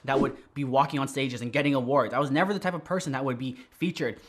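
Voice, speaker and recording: A man teaching how to start an online business, talking straight to camera in a direct, energetic way, with a slight whistle on his S sounds. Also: mid-range voice, quick pace. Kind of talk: tutorial to camera.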